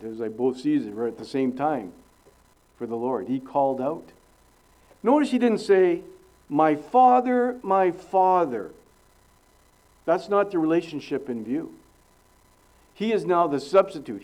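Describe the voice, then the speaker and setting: A middle-aged man preaches in an earnest, emphatic way, his voice mellow and warm yet sitting a bit high. He leans hard on key phrases, then drops almost to a hush. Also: rough recording. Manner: earnest, emphatic, with sudden loud rises and hushed drops. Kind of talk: expository sermon.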